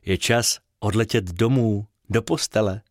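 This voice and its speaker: A man voicing a kind female bubble fairy who speaks softly and reassuringly. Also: fairly low pitch, no room sound, clean studio sound, close to an everyday voice. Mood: soothing.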